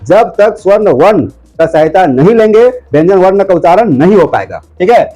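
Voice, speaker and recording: A man teaching a grammar lesson, asking his viewers questions and answering them himself, slowing down to dictate notes. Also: sits high, lively intonation, dark tone, poor audio. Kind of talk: classroom lesson.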